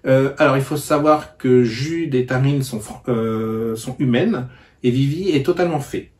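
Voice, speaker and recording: A man's voice: medium pitch, measured pace, darkish tone. A man giving a casual book-review vlog, talking hesitantly with lots of fillers and restarts. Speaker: book vlogger.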